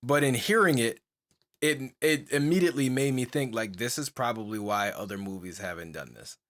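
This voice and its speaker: This casual podcast chat features a young male co-host with a mid-range, slightly bright voice at normal speed. His talk wanders, riddled with "like," fillers, and false starts, and he laughs a lot.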